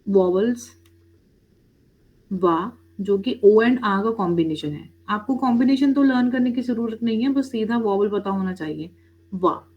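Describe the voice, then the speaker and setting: A woman teaching an online language class, speaking slowly and patiently as she spells out each word for her students. Her voice sits at a medium pitch. The audio is dull and lo-fi, like a video call.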